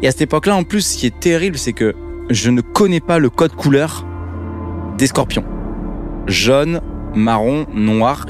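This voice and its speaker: Un homme qui raconte une aventure personnelle dans un podcast, de façon vivante et dramatique, avec un langage familier. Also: male voice, medium pitch. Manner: lively, dramatic, casual slang. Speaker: podcast guest telling his story. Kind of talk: personal storytelling.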